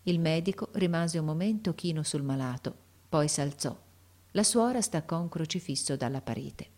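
A woman reads a story aloud as an audiobook narrator, in a low voice. Her delivery is measured and expressive, with steady pacing.

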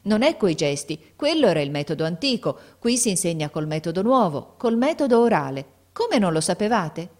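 A woman reading a story aloud, voicing a calm, patient schoolteacher who explains things carefully. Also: fairly low pitch. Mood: explaining. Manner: explaining, measured, reassuring.

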